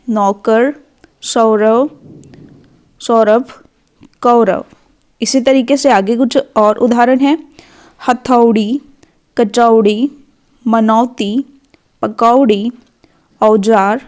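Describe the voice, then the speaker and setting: A woman leads a children's phonics lesson in an unhurried, patient way. She stretches each syllable and speaks gently to her young pupils. Her voice sits slightly high. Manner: slow, drawn-out syllable-by-syllable reading. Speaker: teacher.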